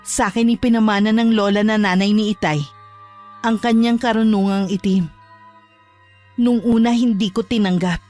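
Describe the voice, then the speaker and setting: A woman's voice: mid-range voice, darkish tone. Woman narrating a horror story.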